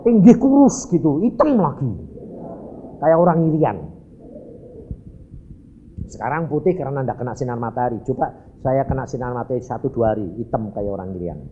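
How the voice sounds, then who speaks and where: A male evangelist with a Javanese-tinged accent tells his story from the pulpit, his pitch jumping up and down all the time. He speaks in a folksy way and keeps turning to the congregation. The recording is dull and lo-fi with a faint hiss. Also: normal speed, pauses often. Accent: Javanese-influenced Indonesian. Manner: animated, folksy, addresses the congregation as "Saudara". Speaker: evangelist preacher. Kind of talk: storytelling sermon.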